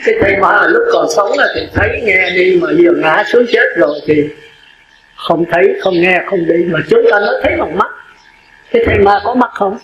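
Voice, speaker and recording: A man's voice: sits high, noisy background. A man preaches as a Buddhist monk. He works through his points one by one and keeps putting questions to his listeners. The recording is roomy and dull, like an old lo-fi tape. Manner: lists points slowly and asks the audience rhetorical questions. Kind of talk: Buddhist sermon.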